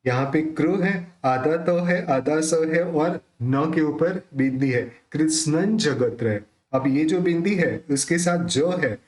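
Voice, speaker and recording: Patient male chant teacher, slow measured delivery, echoey room. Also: fairly high pitch, a little mellow. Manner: explains patiently, then recites verses slowly in a drawn-out chant. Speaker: Sanskrit hymn recitation teacher. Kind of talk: pronunciation lesson with slow chanted recitation.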